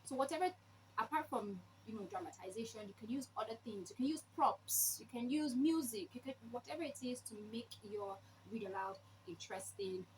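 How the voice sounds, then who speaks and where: A woman giving an informal instructional talk, explaining step by step with emphasis and rhetorical questions. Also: on the high side. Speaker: presenter sharing read-aloud tips. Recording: clearly noisy background.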